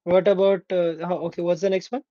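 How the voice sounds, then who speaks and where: A man's voice: high-pitched, little pitch movement, a little fast, no echo. A man joins a casual podcast chat, hesitant and full of fillers. His voice comes through dry and a little muffled, like a remote call. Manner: hesitant, many fillers, playful. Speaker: podcast co-host.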